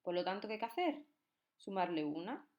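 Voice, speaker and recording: A woman's voice: medium pitch, very animated, brisk, darkish tone, highs cut off. Patient woman teaching poetry. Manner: patient, counts syllables aloud, checks in with frequent "¿vale?". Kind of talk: recorded lesson on poetic meter.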